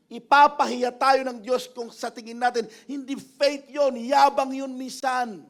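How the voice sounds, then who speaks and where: Animated high-voiced male preacher. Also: measured pace. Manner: animated, shouting, laughing, acting out quotes. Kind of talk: lively Taglish sermon. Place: church.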